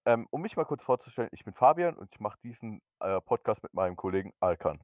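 A man in his twenties co-hosting a casual podcast, talking relaxed and hesitant with fillers. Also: lowish voice, fast talker, no room sound, dull audio. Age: 20s. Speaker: podcast co-host. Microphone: new podcast microphone.

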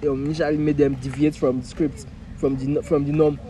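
A man's voice: a little high, level tone, a little fast, warm tone, poor audio. A young man chatting casually as a podcast co-host, often stammering and repeating his words. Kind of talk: casual chat.

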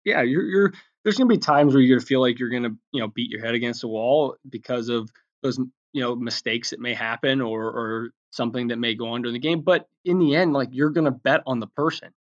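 A man in a loose interview chat, a pitching coach who circles back on his words as he explains. His voice sits mid-pitch and comes through a slightly dull, lo-fi line. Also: brisk. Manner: talkative, many restarts and fillers.

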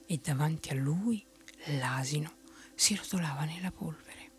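A woman telling a bedtime story in a soft unvoiced whisper. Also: low voice, a little slow.

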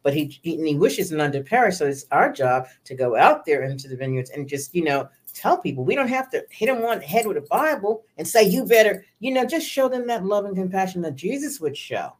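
A woman's voice: fairly low pitch, very animated, a little fast, hardly any pauses. A woman, talking earnestly about her faith in a casual podcast chat, with many restarts. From New York.

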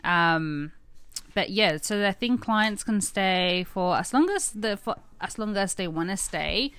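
A woman's voice: medium pitch, animated, unhurried, a bit bright, smooth, no echo. A woman guest in a casual interview, giving plain, easygoing answers. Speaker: team leader guest.

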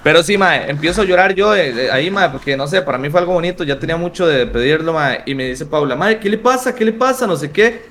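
A young man with a Costa Rican accent chats casually as a streamer guest. His voice sits fairly high, and he talks in a lively, slang-filled way. A faint hiss of background noise runs under the recording. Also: fast talker, hardly any pauses. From Costa Rica. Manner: slangy, animated storytelling. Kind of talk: casual interview chat.

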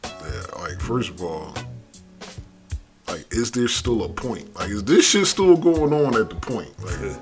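A man's voice: lowish voice, expressive, a little slow. A man co-hosting a casual podcast, joking loosely and mimicking people. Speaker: podcast co-host. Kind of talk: casual chat. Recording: music playing behind.

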